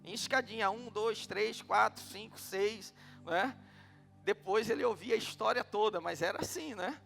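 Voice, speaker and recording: A man's voice: sits high, normal speed, vocal fry, fairly bright tone, big-room sound, faint music behind. A middle-aged man with a Brazilian Portuguese accent preaching a sermon, telling stories and asking the congregation questions. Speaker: pastor.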